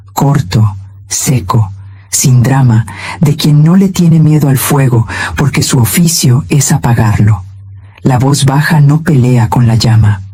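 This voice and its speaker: A man giving scripted motivational narration in a calm, measured, solemn way. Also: fairly high pitch, slight background noise.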